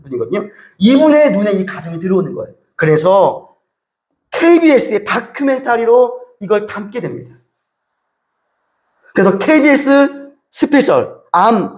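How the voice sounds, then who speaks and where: A male pastor delivering a sermon, telling a story and speaking directly to his congregation. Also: sits high. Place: church sanctuary. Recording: echoey church hall.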